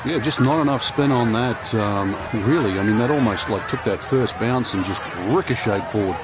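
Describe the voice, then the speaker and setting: Male golf analyst, informal reactions, mid-range voice, heard through loud crowd and outdoor noise. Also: medium pitch, normal speed.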